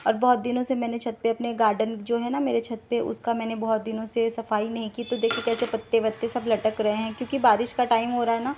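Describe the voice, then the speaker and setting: A woman from India narrating her home vlog in a homely, chatty way, pausing now and then with fillers. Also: fairly high pitch, little pitch movement, background noise. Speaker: home vlogger.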